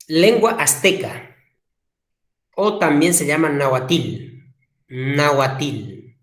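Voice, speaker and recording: A man teaching a language class, slowly repeating key words for emphasis. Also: fairly high pitch, fairly bright tone. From Peru. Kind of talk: classroom lecture. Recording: echoey room.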